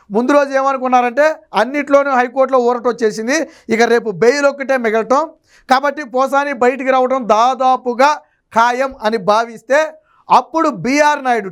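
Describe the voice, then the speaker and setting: A man's voice: very high voice, a bit bright, clear, resonant tone. A male political analyst with a Telugu accent giving mocking, rhetorical commentary, often quoting others. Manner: mocking, rhetorical, quotes others in exaggerated tones.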